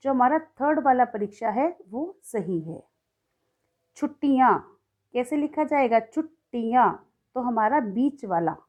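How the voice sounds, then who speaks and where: A young woman teacher with a slightly high, mellow voice. She works through a grammar lesson patiently, step by step. She often pauses to check in with her class. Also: rough recording. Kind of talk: recorded Hindi grammar lesson.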